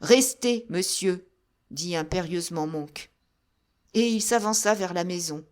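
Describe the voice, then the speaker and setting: A woman narrates a classic novel as an audiobook reader. Her telling is steady and measured between the characters' lines. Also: fairly low pitch.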